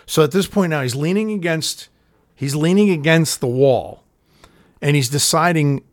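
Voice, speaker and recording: A man with a fairly high voice tells rambling stories in a casual chat at an ordinary pace, cursing often and acting out the scenes. The studio recording is clean, with no echo.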